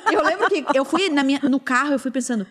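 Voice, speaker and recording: A woman's voice: high voice, fast talker. A woman telling a story in casual chat, acting out the lines of the people in it. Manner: animated storyteller, acts out quoted dialogue.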